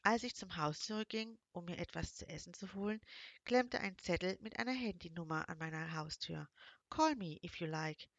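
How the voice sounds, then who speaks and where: A woman's voice: on the low side, fairly quick, vocal fry, a bit bright, no room sound. Woman reading a romance novel aloud, wry self-mocking tone, dull dry sound. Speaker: audiobook narrator. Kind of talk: first-person novel reading. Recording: slightly dull, dry recording.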